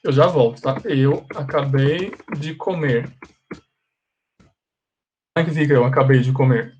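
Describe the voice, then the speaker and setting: A male teacher with a Brazilian accent leads a live class. He repeats each example slowly and questions his students often. His pitch sits in an ordinary middle range. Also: darkish tone, highs cut off, slight background noise. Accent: Brazilian Portuguese. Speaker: English teacher.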